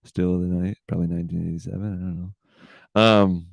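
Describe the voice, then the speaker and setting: A man's voice: sits low, level tone, fast talker, gravelly, no echo. A man in his thirties hosting a casual solo podcast, rambling and swearing with "dude" in every line. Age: 30s. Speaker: podcast host.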